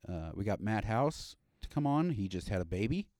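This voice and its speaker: A deep, mellow man hosting a casual podcast chat. He rambles along with plenty of fillers and restarts. The sound is dry and close. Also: big pitch swings, normal speed, no room sound. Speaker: podcast host.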